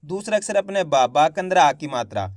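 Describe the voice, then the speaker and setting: A man teaching Hindi reading in an online lesson, repeatedly asking a question and answering it himself, enunciating syllables slowly and carefully. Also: on the high side, lively intonation, no echo, studio quality. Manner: repetitive call-and-response teaching, asks and answers himself; addresses viewers as friends, slow careful enunciation.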